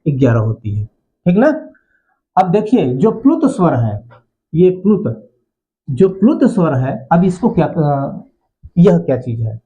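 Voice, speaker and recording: Slow-speaking male grammar teacher, lo-fi. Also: a little high, sing-song, warm tone. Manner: repeats phrases and asks the class questions. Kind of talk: classroom lecture. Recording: dull lo-fi sound.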